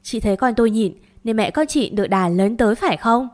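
A woman's voice: on the high side, lively intonation, brisk, close to an everyday voice. A woman doing an angry middle-aged father. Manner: loud, sharp rebuke.

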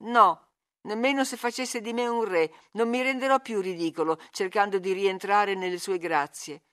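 A woman's voice: medium pitch, moderate pace, fairly bright tone, lightly acted. A woman reading aloud, voicing a surly, scornful young farmhand who snaps and growls. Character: surly, sullen young man, rough farmhand.

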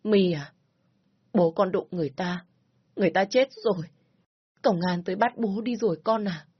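A woman's voice: mid-range voice, moderate pace, husky, no echo, muffled recording, natural voice. A woman voicing a middle-aged mother in tears in a spoken story, her voice breaking. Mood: distraught. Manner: tearful, voice breaking.

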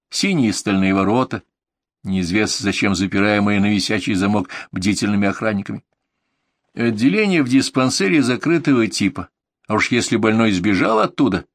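A man's voice: fairly low pitch, dry recording. A man narrating a story in a dry, ironic, matter-of-fact way. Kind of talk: audiobook narration.

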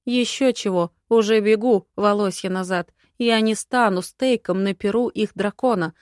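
A woman voicing a sharp-tongued, defiant young heroine who answers with mocking retorts. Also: mid-range voice, moderate pace, no room sound, studio quality, close to an everyday voice.

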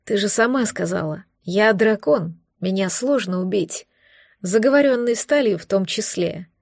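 A woman's voice: mid-range voice, animated, normal speed, gravelly, no room sound. A woman voicing a wounded male dragon in human form who grumbles with dry, mocking irony, in an audiobook. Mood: grumpy, mocking. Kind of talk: audiobook dialogue.

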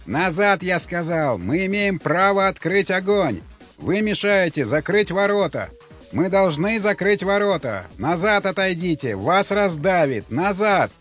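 A man voicing an angry male soldier guarding a gate, shouting orders over a crowd. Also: high-pitched, lively intonation, unhurried, pitched above the performer's own voice, heavily acted. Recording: slightly muffled with faint music.

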